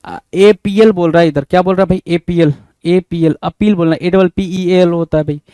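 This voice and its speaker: Man, teacher, high-pitched, mellow tone, spells letter by letter, dry close sound. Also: brisk, no echo. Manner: repeats questions to the listener, often adding "bhai". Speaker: English vocabulary teacher. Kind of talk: spelling lesson in Hindi, spelling words letter by letter.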